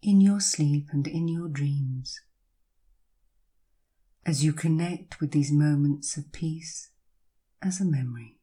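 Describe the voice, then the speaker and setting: A woman with a low, breathy voice guides a listener through hypnosis. She speaks very slowly, in soothing, drawn-out phrases broken by long pauses. Her tone is mellow and soft.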